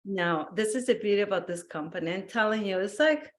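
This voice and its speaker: Guest: lively woman from Peru, chatty storyteller, mid-pitched voice. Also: brisk. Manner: animated storyteller, acts out quotes, laughs often. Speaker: guest, wellness business owner. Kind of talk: casual interview chat.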